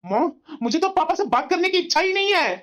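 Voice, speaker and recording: Woman doing a harsh angry cartoon husband, scornful, way high for a guy. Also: big pitch swings, a little fast, muffled recording. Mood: bitter. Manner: shouting accusations, scornful. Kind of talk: cartoon voice acting.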